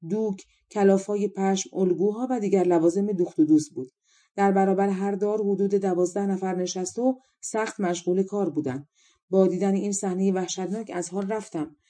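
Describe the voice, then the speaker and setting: A woman reads a fairy tale aloud in a calm storybook style. Her voice is very dark and mellow. She sits at middle pitch for a woman. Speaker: audiobook narrator. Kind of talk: storybook narration.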